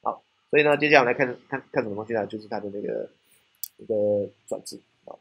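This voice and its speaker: A man's voice: on the low side, fast, gravelly, a bit bright, husky, highs cut off. A man with a Taiwanese Mandarin accent giving a technical classroom lecture, often asking rhetorical questions and checking in with "right?".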